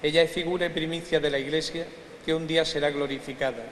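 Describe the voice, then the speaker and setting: Priest with a cathedral echo. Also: male voice, fairly high pitch, fairly even intonation. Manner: slow, measured, reverent phrasing. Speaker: priest celebrating Mass. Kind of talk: solemn liturgical recitation. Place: large church. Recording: echoey church with long reverb, faint hiss.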